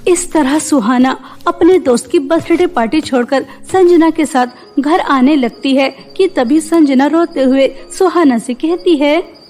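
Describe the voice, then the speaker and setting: Woman narrator, cartoon story, very high voice, faint music behind. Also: unhurried, darkish tone.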